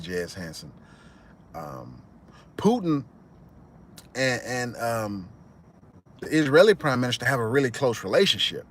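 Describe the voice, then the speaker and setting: A man hosting a livestream, chatting with viewers and retelling a movie plot as a rambling, animated storyteller. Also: medium pitch, breathy edge. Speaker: channel host. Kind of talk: livestream commentary reading chat.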